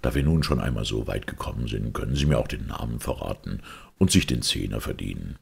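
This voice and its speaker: A man voicing a calm, cutting male detective who speaks slowly and in a low, menacing tone. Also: creaky, slightly rough, heavily acted. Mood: coolly menacing.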